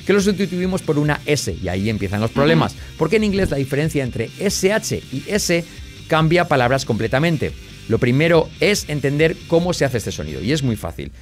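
A man teaching English pronunciation to the viewer, modeling sounds slowly and drilling them in repeated rounds. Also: on the high side, big pitch swings, soft background music. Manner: speaks to the viewer directly and often checks in with "¿vale?".

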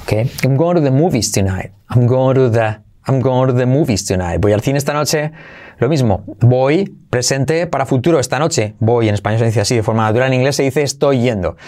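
A man's voice: mid-range voice, animated, darkish tone. Playful male English teacher. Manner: playful, jumps between languages, repeats phrases slowly. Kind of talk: English lesson for Spanish speakers.

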